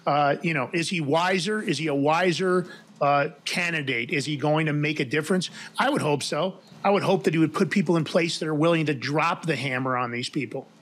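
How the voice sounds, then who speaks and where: A man's voice: a little high, a little fast. A man hosting a political talk show, chatting casually and laughing as he reads headlines. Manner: animated, laughs while reading. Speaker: podcast host.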